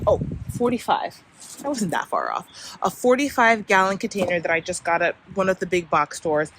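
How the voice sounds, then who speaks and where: Female backyard vlogger, informal and easygoing, talking to viewers outdoors with light ambient noise behind. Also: medium pitch. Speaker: gardening vlogger. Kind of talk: casual chatty backyard vlog. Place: outdoors in a suburban backyard and side yard.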